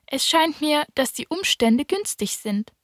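A woman puts on a small, earnest boy prince with a lifted, youthful voice, asking his questions clearly and insistently. He speaks close and dry, with no room sound around him, as in a storybook recording. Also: high-pitched, lively intonation, unhurried, no echo, voice pushed up. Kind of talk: audiobook character voice.

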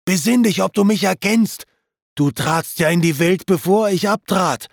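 A man's voice: on the high side, lively intonation, a little slow, no room sound, studio quality. A man reading the part of a lamenting male glutton's ghost in an epic poem, with raised, pleading declamation.

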